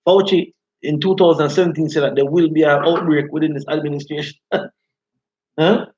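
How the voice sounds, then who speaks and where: High-pitched man, rasta-style talk. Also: fairly even intonation, fairly quick, darkish tone, lo-fi sound. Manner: repeatedly checks listeners follow. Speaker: host of a live talk stream. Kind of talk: informal live commentary, reading out viewer comments.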